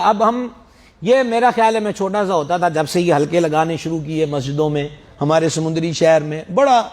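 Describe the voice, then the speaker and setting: A man's voice: high-pitched, darkish tone. A middle-aged man from Pakistan, preaching and teaching how to pronounce prayer words, drawing out sounds to demonstrate them and raising emphatic questions. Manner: explanatory, drawn-out demonstrations of Arabic sounds, rising emphatic questions. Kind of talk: religious lecture.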